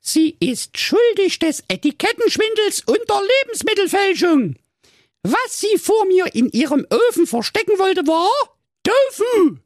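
A man's voice: extremely high pitch, big pitch swings, a little slow, no echo, studio quality, pitched above the performer's own voice, heavily acted. A man voicing a prim, triumphant young girl detective in a fairy-tale parody, pompous and accusing. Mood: shrill triumphant.

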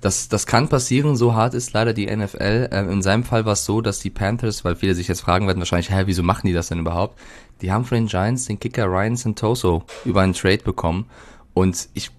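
A man's voice: on the low side, fast. A man co-hosting a casual podcast, telling stories in a rambling way with many fillers and casual swearing. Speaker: podcast co-host. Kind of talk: casual chat.

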